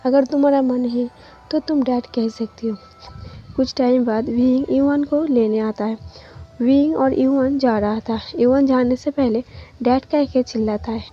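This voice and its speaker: A woman host reading a fan fiction story aloud in a plain, even storytelling manner, quoting each character's lines. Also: sits high. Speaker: channel host and story narrator. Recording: dull lo-fi recording with faint music. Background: faint background music.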